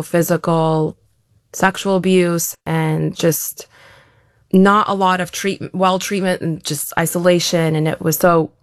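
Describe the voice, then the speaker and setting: A woman's voice: on the low side, no room sound, clean studio sound. A woman answering interview questions as an elite athlete guest, talking in a reflective, open way with frequent restarts.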